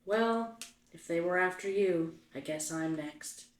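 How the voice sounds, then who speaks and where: A woman playing a calm, low-voiced ghost-town caretaker. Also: measured pace, close to an everyday voice. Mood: patient. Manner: mild, patient, gently dry hosting. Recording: roomy echo.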